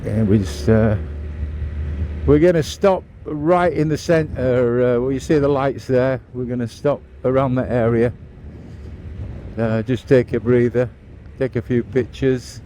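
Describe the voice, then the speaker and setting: Mellow English man, casual motovlog chat. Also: mid-range voice, fairly even intonation, a little slow, slight background noise. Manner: chatty, matter-of-fact, tour-guide asides. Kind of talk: casual vlog commentary. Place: outdoors, riding a scooter along a beach road.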